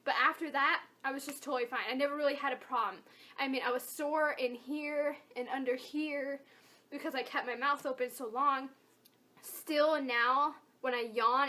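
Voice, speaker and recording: Young female vlogger, high-pitched and bright; informal, chatty, emphatic personal storytelling. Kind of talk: casual personal storytelling to camera.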